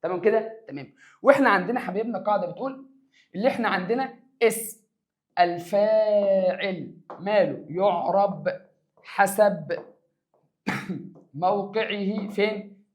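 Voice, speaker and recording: A man's voice: sits high, normal speed, long pauses. A man teaching an exam review of grammar in an Egyptian accent, stretching words for emphasis and answering his own questions. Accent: Egyptian Arabic. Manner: lively, stretches words for emphasis, calls students "my dears". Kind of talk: exam review lesson for secondary students.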